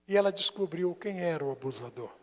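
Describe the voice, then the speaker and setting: High-voiced Brazilian pastor in reverberant church. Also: male voice, expressive, brisk. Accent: Brazilian Portuguese. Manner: storytelling with dramatic swings between soft and loud. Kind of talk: sermon. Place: church sanctuary. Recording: long church hall reverb.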